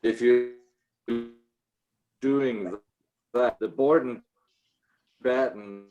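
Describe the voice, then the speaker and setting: A man in a committee meeting speaking slowly and haltingly, his video call audio choppy and breaking up. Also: medium pitch, dull audio, music in the background. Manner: slow, halting with fillers. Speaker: committee member. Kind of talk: meeting discussion. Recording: video call connection dropping out.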